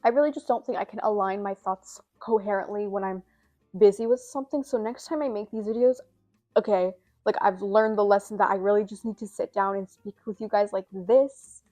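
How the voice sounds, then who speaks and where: A woman's voice: medium pitch, steady tone, brisk, mellow, soft background music. A young woman vlogging in a casual, rambling way, full of "like" and "you know", a little out of breath with a scratchy throat. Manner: rambling, filler-heavy, self-deprecating. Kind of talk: casual chat to camera.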